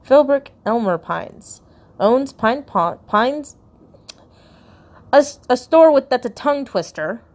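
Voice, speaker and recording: A woman giving casual, giggly commentary while browsing a video game's hidden files. She reacts out loud and stumbles as she reads. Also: high voice, animated, takes it slowly, pauses often. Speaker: video game YouTuber.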